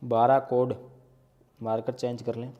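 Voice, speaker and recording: A young man teaching a grammar class in a level, mid-pitched voice. He asks a question, repeats it, then answers it himself, going back over the key terms as he works through a quiz. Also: level tone, measured pace, warm tone. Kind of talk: Hindi grammar lesson, solving quiz questions.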